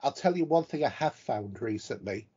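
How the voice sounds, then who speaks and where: A man's voice: medium pitch, animated, moderate pace, warm tone, breathy edge. A man, chatting casually as a podcast co-host and cracking dry jokes. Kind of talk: casual chat. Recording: dull lo-fi podcast audio.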